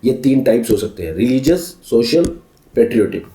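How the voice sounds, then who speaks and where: A male commerce teacher giving a recorded lesson, mixing English terms into his explanations, briskly repeating key terms as lists and calling students his children. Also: medium pitch, animated, dark tone, roomy sound, low-quality recording.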